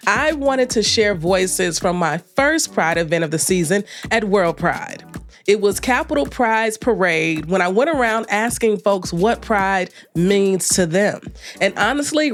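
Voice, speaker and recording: A congested woman hosts a weekly news podcast, her voice stuffed up from a cold. She speaks straight to her listeners, calling them family and checking in with "okay?" Her pitch sits in the middle, and faint music plays under her. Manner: warm direct address, says "family" and "okay". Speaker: podcast host.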